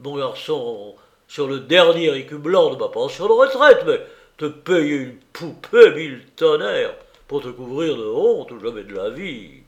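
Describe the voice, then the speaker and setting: A gruff old retired army captain, put on by a male reader, bellowing his indignation in a voice pushed higher and louder than the narration. He swears and scolds like a storybook soldier. The reading has a roomy echo around it. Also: expressive, measured pace. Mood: indignant. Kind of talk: audiobook character reading.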